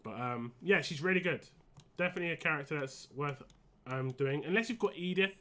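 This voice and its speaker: A man live-streaming a game in casual, rambling and halting chat, wheezy and short of breath with a cold. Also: on the high side, lively intonation, a bit bright.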